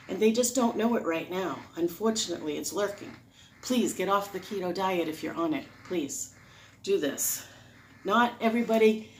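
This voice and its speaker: A vlogger sharing diet advice speaks in a fairly low female voice, with a little hiss or hum in the audio. Her casual, unscripted explanatory monologue rambles into tangents as she explains her advice earnestly and emphatically.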